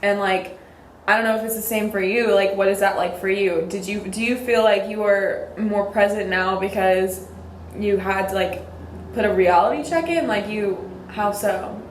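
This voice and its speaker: A woman's voice: medium pitch, moderate pace, echoey room, slight background noise. A young woman, hosting a podcast in a casual, rambling chat full of "like". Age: young adult. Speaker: podcast host.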